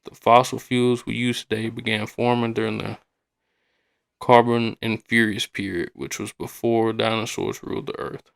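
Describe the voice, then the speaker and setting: A man's voice: on the low side, flat delivery, normal speed, gravelly. A man hosting a podcast in a casual, rambling, colloquial way, often repeating himself. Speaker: podcast host.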